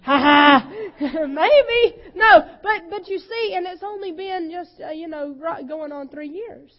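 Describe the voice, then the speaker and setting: A woman pastor preaching a sermon with passion, her voice sometimes breaking with emotion and swinging between loud and soft. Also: very high-pitched, a little slow, lo-fi sound.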